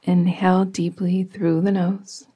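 In a fairly low, level tone, a woman leads a yoga nidra meditation for relaxation. The delivery is soothing and unhurried, soft and breathy with a partly whispered quality.

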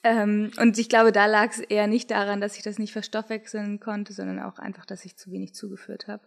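A young German-speaking woman in casual conversation, telling a race story in a relaxed way with frequent fillers. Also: mid-range voice, a little fast, vocal fry. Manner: relaxed, thinking aloud with fillers. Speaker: podcast co-host, triathlete.

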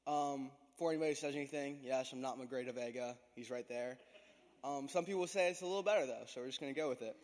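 A man's voice: mid-range voice, fast, slight background noise. A teenage American male gives a prepared church testimony with a self-deprecating, joking manner. His speech has a lisp from an overbite appliance. The voice rings out with long reverb in a large hall. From Florida, United States. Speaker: student giving a testimony at church youth service.

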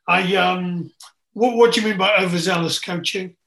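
A man with a raspy, creaky voice hosting a podcast in a casual, chatty way. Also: sits high, normal speed, a bit bright, slight background noise. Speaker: podcast host.

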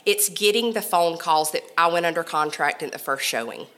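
Low-voiced Southern woman, bright tone. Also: a little fast. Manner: earnest, persuasive, explains patiently. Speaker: home stager, guest. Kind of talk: conversational interview.

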